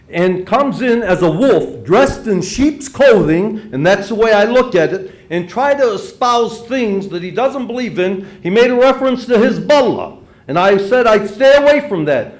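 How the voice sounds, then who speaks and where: A man in his seventies from Dearborn, Michigan, speaks at a city council meeting during public comment. His voice is high and expressive at a moderate pace, and his remarks ramble insistently, with "and so forth" repeated again and again.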